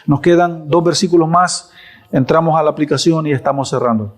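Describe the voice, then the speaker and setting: Emphatic pastor preaching. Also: male voice, fairly high pitch, fairly even intonation, fairly quick. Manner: emphatic, repeats phrases for stress, rhetorical questions. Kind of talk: sermon. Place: church.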